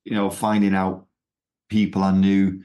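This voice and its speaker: A middle-aged Englishman with a Manchester accent, a ministry founder, is a guest in a conversational interview, rambling with many fillers and restarts. His voice sits low with a dark tone, a measured pace and a completely flat delivery.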